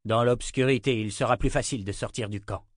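A man voicing a practical male army captain who speaks briskly. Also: mid-range voice, fairly even intonation, dry recording, clean studio sound, natural voice.

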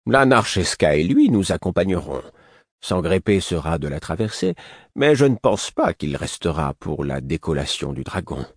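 A man voicing an older male spymaster who speaks in a measured, ironic way, in an audiobook. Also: sits low, very animated, husky, no echo, studio quality, exaggerated voice. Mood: wry.

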